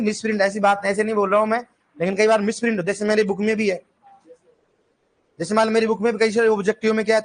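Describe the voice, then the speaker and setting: Male agriculture teacher, high voice, classroom lecture, drills students with repeated questions, playful.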